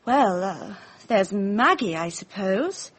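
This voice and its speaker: In a radio drama, an actress plays a flippant, breezy young upper-class Englishwoman with a British accent, drawling society slang in a wry, offhand way. Her mid-range, slightly rough voice has lively intonation, and she takes her lines slowly.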